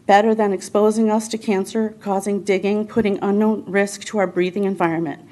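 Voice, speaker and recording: A woman's voice: medium pitch, level tone, brisk, dark tone. Concerned woman resident, prepared public comment, earnest and pleading. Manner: earnest, pleading, reading from notes. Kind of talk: prepared statement at a council meeting. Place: city council chamber.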